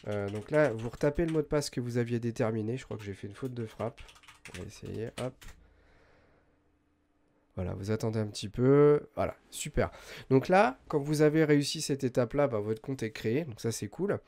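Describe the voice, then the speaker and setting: A man talks through a screen-recorded software tutorial in a relaxed, conversational voice, pitched in the middle range. He explains every step aloud, pausing often and correcting himself as he goes. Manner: chatty, many hesitations and self-corrections. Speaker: host of a web tools tutorial channel.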